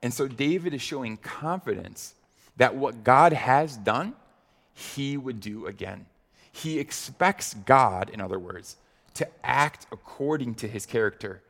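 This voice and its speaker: A man preaching a sermon on a psalm in a slow, deliberate way, with frequent fillers and repeated phrases. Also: medium pitch, expressive, fairly bright tone, big-room sound.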